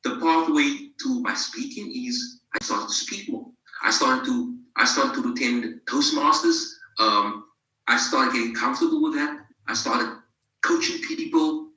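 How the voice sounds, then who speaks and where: A South African man in his thirties, a native English speaker who is also bilingual in Afrikaans, shares his personal story as a podcast interview guest. He sounds reflective and keeps restarting his phrases, with a medium-pitched, bright, forceful voice at an unhurried pace. The recording is roomy, distant, and low in quality.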